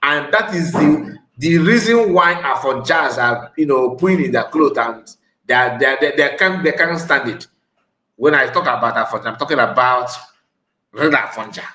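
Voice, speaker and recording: A man's voice: mid-range voice, animated, normal speed, pushed and bright, reverberant. A man with a Nigerian West African accent giving informal, emphatic reaction commentary, repeating phrases for stress. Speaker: online video commentator.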